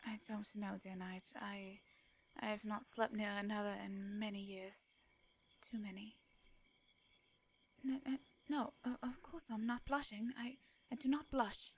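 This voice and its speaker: In a roleplay audio drama, a woman with an English accent plays a shy, formal vampire. Her mid-range voice is soft and breathy, steady and unhurried, with hesitant, flustered phrasing.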